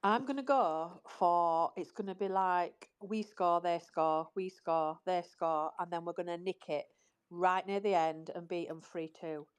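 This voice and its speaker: A woman's voice: lowish voice, a little slow, clean tone. A woman chatting cheerfully about football on a fan podcast, giggling often. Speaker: podcast regular. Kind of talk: casual football chat.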